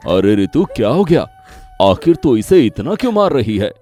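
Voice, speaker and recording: A man plays a stern, loud father-in-law in an animated story. He speaks bluntly, his mid-pitch voice lively, with faint music behind. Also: normal speed, close to an everyday voice.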